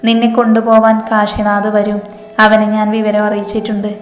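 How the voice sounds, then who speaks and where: A woman voicing a remorseful young woman held captive, speaking softly and apologetically. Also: medium pitch, completely flat delivery, normal speed, close to an everyday voice. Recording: echoey reverb with background music.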